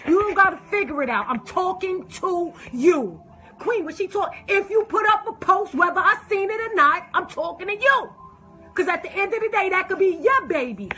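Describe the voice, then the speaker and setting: High bright-voiced impassioned woman. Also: rough recording. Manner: emphatic, preachy, repeats phrases. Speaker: social media poster. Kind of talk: impassioned personal rant.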